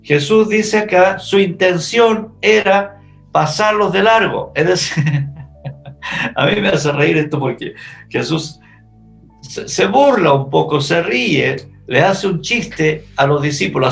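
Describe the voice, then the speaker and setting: Male pastor, animated Bible-class storyteller, gravelly and fairly high-pitched. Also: takes it slowly, faint music behind. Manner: animated storytelling, vividly imagining scenes.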